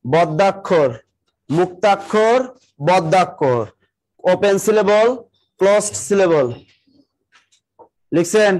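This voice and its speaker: Guy with a high voice teaching an online exam class, says each definition slowly over and over, keeps telling everyone to write faster. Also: a little mellow. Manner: repeats definitions slowly for students to write down, urging them to hurry; talks to viewers directly, greeting them by name and district. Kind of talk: live online class, dictating notes.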